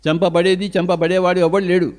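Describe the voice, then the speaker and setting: A man's voice: high voice, level tone, brisk, a little mellow. An older man with a Telugu accent giving a spiritual discourse, asking rhetorical questions and answering them in short repeated lines. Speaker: spiritual teacher.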